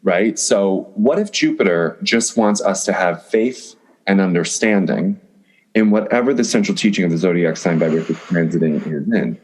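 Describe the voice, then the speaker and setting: Male podcast guest, very deep voice, effusive flowing talker, casual chat. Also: normal speed, darkish tone, slightly rough. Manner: effusive, lists words in a flowing rhythm. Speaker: astrologer guest.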